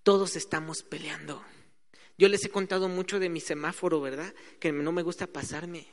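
A man's voice: fairly high pitch, steady tone, moderate pace. A man preaching a sermon in a conversational way, acting out quoted voices. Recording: hall reverb.

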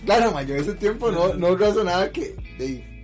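A man's voice: high-pitched, normal speed, music in the background. Slangy, laughing Costa Rican man. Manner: lively storytelling, laughs easily, heavy slang fillers. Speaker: podcast host telling a story. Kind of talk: casual chat.

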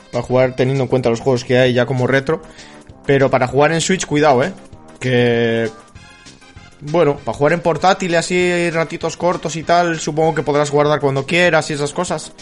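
A man's voice: a little high, steady tone, fairly quick, faint music behind. A man hosting a podcast, chatting casually and making self-deprecating jokes. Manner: joking, self-deprecating banter. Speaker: podcast host. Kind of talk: casual chat.

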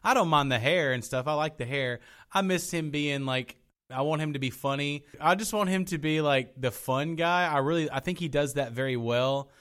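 A man co-hosting a podcast, talking in a casual, animated way with lots of restarts and trailing thoughts. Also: fairly high pitch, normal speed. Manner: animated, rambling, frequent restarts. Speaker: podcast co-host. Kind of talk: casual chat.

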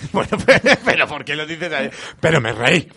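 Lively joking man on a podcast. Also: moderate pace, vocal fry, slightly rough. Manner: jokey, swearing, shifting pitch and loudness. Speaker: podcast co-host. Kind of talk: casual joking chat.

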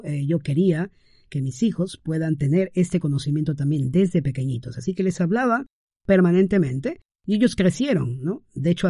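Man, podcast host, casual monologue, somewhat high pitch, dry close recording. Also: mellow, husky, no room sound. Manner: conversational, frequent "¿no?" tags and fillers.

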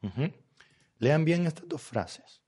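A man's voice: a little high, animated, takes it slowly, mellow, breathy edge. A man teaching a live online language lesson, patient and explanatory, who checks often that his students follow. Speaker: Spanish teacher.

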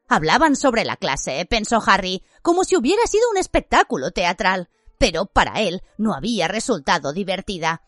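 A woman narrating a story in an expressive, scripted way. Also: medium pitch, no room sound, clean studio sound. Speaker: audiobook narrator.

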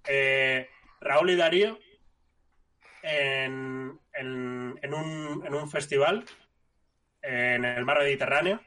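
A man's voice: medium pitch, slow, long pauses, sharp tone. Rambling man hosting a podcast. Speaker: podcast co-host. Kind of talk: casual chat, introducing the episode.

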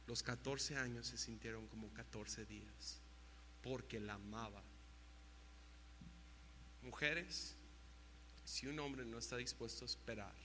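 A young man preaching a sermon, telling stories with shouted sound effects and mimicry, in a reverberant church hall with a faint hum. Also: medium pitch. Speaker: youth pastor.

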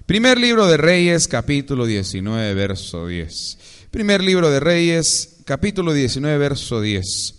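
A man preaching a sermon, with sudden jumps in pitch and calls on the congregation to repeat his words. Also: sing-song, a little slow, clean tone, long reverb tail. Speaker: pastor.

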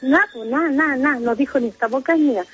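A woman's voice: high-pitched, fast talker, a bit bright, slightly rough, lo-fi sound, soft background music. A middle-aged Chilean woman calling in to a radio show, telling a story in an emotional, rambling way. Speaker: caller. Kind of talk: phone-in confession.

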